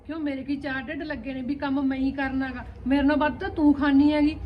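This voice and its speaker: A woman's voice: sits high, level tone, muffled recording, lightly acted. Woman playing a fed-up overworked elder daughter-in-law. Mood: indignant. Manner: rapid, scolding, indignant complaints. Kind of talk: amateur village family skit. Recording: roomy echo, distant from the mic.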